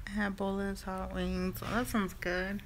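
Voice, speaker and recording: A woman's voice: mid-range voice, level tone, moderate pace, over a noisy crowd. A woman with a Mid-Atlantic US accent hosting an eating video, chatting in a laid-back, sassy way. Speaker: mukbang host. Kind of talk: casual mukbang chat.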